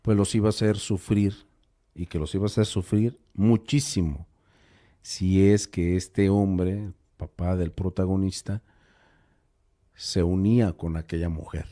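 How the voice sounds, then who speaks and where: A man telling a strange story in a casual, unhurried way, pausing with fillers and restarting words. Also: sits low, steady tone, mellow.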